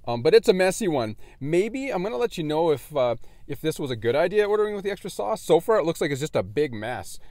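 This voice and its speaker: A chatty, animated man gives a casual food review from his car, laughing as he goes. His voice sits fairly high, and the sound is close and dry with no room echo. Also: fast talker. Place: in a parked car.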